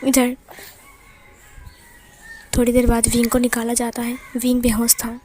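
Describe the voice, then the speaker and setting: A woman retelling fan fiction as a storyteller, in plain, steady narration. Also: a little high, a little slow, faint music behind.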